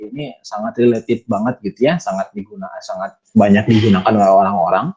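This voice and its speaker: Young Indonesian man as a math teacher, casual chatty delivery, husky mellow voice, dull lo-fi sound. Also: mid-range voice. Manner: casual, chatty explaining with many fillers and tags. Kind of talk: online math lesson.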